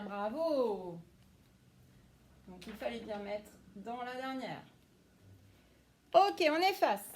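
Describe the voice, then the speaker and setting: Woman, primary school teacher, encouraging, slow and careful, fairly high pitch. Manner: encouraging, lively teacher tone, praises each child by name. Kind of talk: remote phonics lesson for young children.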